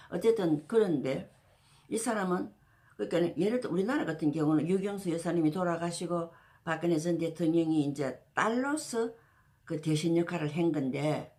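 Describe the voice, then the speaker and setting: In a low-pitched, darkish voice that is animated and at normal speed, a female channel host talks through a piece of history. Her delivery is casual and rambling, full of fillers and restarts.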